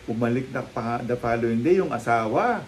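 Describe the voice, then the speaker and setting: A man chatting casually as a guest on a live talk show, telling lively anecdotes and acting out the people in them. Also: mid-range voice, normal speed, slight background noise, poor audio. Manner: lively storytelling, acting out quoted people, frequent laughs. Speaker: guest storyteller, psychic. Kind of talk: casual chat, animated anecdotes.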